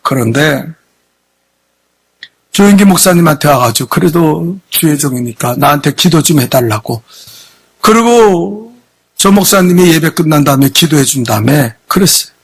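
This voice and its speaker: High-voiced husky preaching pastor. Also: male voice, lively intonation, normal speed. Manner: emphatic preaching with rhetorical questions. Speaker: senior pastor. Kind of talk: sermon. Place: church sanctuary.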